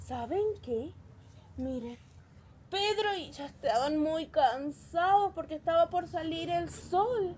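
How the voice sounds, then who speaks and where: A woman with an Argentine accent telling a Bible story to children, slow, animated and playful. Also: extremely high pitch, slight background noise. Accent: Argentine Spanish.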